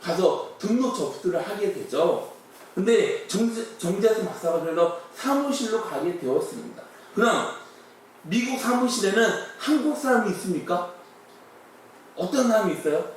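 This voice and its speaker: High-voiced pastor preaching in an echoey hall. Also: male voice, expressive, moderate pace, slight background noise. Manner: storytelling with acted-out dialogue and questions to the congregation. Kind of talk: sermon. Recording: echoey room, mic far off.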